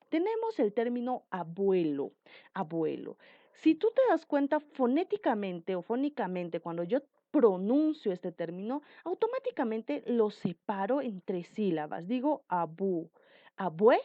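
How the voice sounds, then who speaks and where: Lively, animated woman teaching. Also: medium pitch, no echo, muffled recording. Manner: slow, emphatic explaining with repeated examples. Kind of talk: Spanish grammar lesson.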